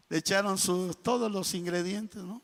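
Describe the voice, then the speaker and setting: A man preaching a sermon in a church, telling a parable with lively storytelling and bursts of loud, emphatic speech. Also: high voice. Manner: storytelling preacher, building to shouts when voicing the angry king. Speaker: pastor. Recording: reverberant church hall.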